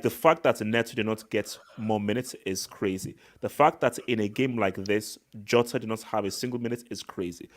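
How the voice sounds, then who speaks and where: Animated man hosting a football reaction stream. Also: medium pitch. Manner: animated, repeats words for emphasis, slangy. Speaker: live stream host. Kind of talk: casual live reaction sports chat.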